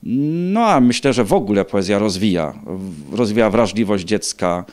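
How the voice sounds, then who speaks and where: A middle-aged man giving measured, hesitant interview answers with frequent pauses. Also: fairly low pitch, animated, darkish tone. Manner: hesitant, measured, pausing often. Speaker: contest organiser being interviewed. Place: indoors, small room. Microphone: handheld reporter microphone.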